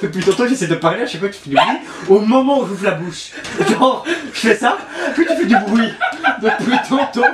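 A man in his early twenties, a YouTuber hosting a prank video, chats casually to camera in a small indoor bedroom. His high voice is animated and a little fast, with hardly any pauses, and his manner is playfully exasperated and teasing. The recording has a roomy echo, music behind him, and heavy background noise.

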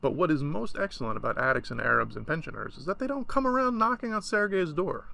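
A man reading a short story aloud in a relaxed way, stopping now and then for casual asides. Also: a little high, fast, creaky. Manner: relaxed, chatty asides between passages.

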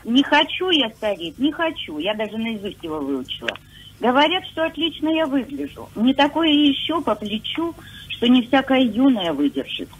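A woman in her sixties calling a radio show. She speaks hesitantly at first, then recites a poem with lively emphasis. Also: sits high, moderate pace, muffled recording, a little hiss or hum. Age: 60s. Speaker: caller.

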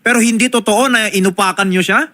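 A man, a lawyer, mediating a complaint politely and asking measured questions, mixing in English. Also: sits high, steady tone, bright, forceful tone. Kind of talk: mediating a dispute.

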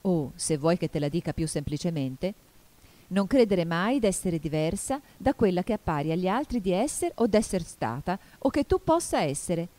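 A woman's voice: lowish voice, lively intonation, normal speed, warm tone, natural voice. A woman voicing a fussy duchess who moralizes in a sing-song way. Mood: moralizing.

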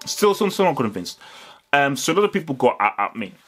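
A young man hosting a football channel, giving animated direct-to-camera match analysis indoors, stressing points and repeating words. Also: medium pitch, a little fast, a little hiss or hum. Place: indoors, small room with curtains.

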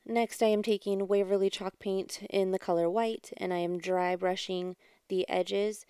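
On her craft channel, a woman narrates a DIY tutorial from home, chatty and explaining each step in a quiet, subdued manner. She has a smooth, mid-range voice with fairly even intonation and a moderate pace. The dry, studio-quality recording comes from a home voice-over mic.

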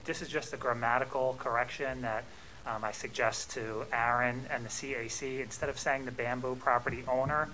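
A man's voice: mid-range voice, steady tone, normal speed, bright, forceful tone, a little hiss or hum, rough recording. A man seated at a council desk, a town official making precise clarifications. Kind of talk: meeting remarks. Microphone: desk microphone.

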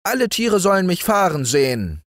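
A man voicing a demanding, greedy little boy who shouts insistently for more. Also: very animated, normal speed, dry recording, clean studio sound. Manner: shrill and insistent.

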